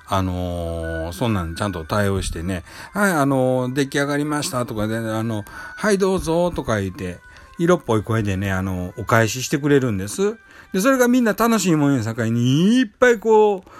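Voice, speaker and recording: A man with a Kansai accent hosting a casual solo talk show, rambling with many fillers and restarts. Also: mid-range voice. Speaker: podcast host. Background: faint background music.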